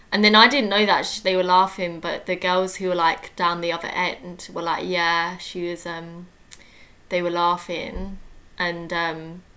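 Bright chatty young woman. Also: lowish voice. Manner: chatty, laughs often, many fillers. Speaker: podcast co-host. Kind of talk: casual chat.

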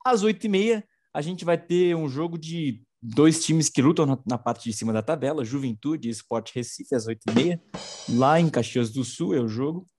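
A man's voice: on the high side, moderate pace, darkish tone. A man co-hosting an informal political news show, slangy and sarcastic.

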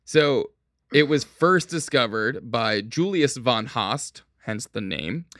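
A man's voice: mid-range voice, animated, takes it slowly, a bit bright, dry recording, studio quality. A man co-hosting a casual chat show, leading the facts with a joking manner. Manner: joking, leads the facts, converts units. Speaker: podcast co-host.

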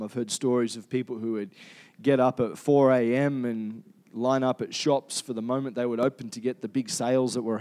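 A man's voice: mid-range voice, a little mellow. A man with an Australian accent preaching a conversational sermon, asking the congregation questions and often restarting his sentences. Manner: chatty, asks the congregation questions, many fillers and restarts.

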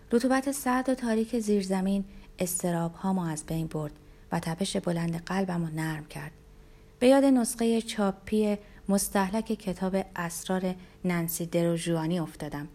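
A woman narrating a novel aloud in the first person, with a measured, even reading. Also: fairly low pitch. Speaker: audiobook narrator.

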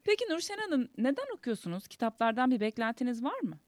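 A woman co-hosting a book podcast, welcoming the guest in an affectionate tone. Her voice moves a lot and sits fairly high. The sound is dry and close. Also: fast, no echo. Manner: lively, affectionate, introduces the guest. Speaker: podcast co-host.

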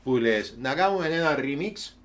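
Animated man with a Cypriot Greek accent. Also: a little high, a little hiss or hum. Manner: animated, colloquial, swearing freely. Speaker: talk show host. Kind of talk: casual comedic chat.

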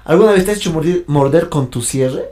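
A young man co-hosting a podcast, telling childhood stories in a joking, slangy, animated way. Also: on the high side, fairly quick. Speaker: podcast co-host. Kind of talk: casual chat.

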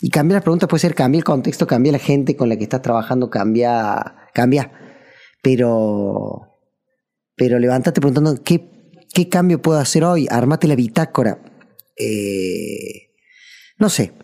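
A man with a Rioplatense Spanish accent talks straight to his listeners in a reflective, motivational podcast monologue. His voice is mellow and relaxed, with an ordinary middle pitch. He coaches earnestly and keeps asking questions. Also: a little slow, creaky. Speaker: podcast host and mentor.

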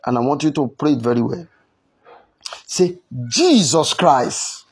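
A male evangelist with a Yoruba accent leading fervent prayer, chanting and shouting in turns. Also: medium pitch, normal speed, slightly rough. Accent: Yoruba-accented English. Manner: shouts, chants and speaks in tongues.

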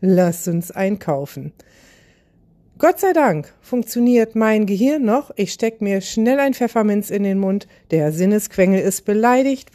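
Lively self-mocking woman storyteller. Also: mid-range voice. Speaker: podcast host. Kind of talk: humorous storytelling monologue.

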